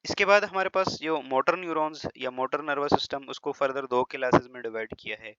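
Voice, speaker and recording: Man, biology lesson, chatty lecturing, teasing asides, bright tense voice, slightly lo-fi sound. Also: mid-range voice, clear, resonant tone, no room sound. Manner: chatty, teasing asides, frequent "ठीक है?" checks; slows down and over-stresses words when demonstrating pronunciation. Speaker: biology teacher. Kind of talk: classroom-style lecture in Hindi-English mix. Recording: slightly dull, lo-fi, dry recording.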